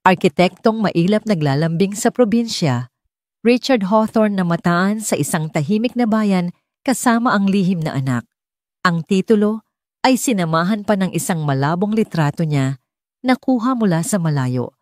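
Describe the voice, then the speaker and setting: Reading a scripted dramatic story at normal speed, this Filipino-accented woman narrates an audiobook in a medium-pitched, expressive, slightly mellow voice. It's studio quality with no room sound.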